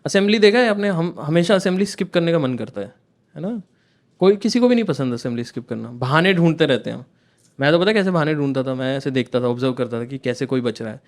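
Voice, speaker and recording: A man's voice: on the high side, animated, quick pace. A young man from India telling a story as a stand-up comedian, chatting with the crowd and acting out scenes as he goes. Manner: chatty, keeps checking in with the crowd, acts out scenes. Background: audience laughter.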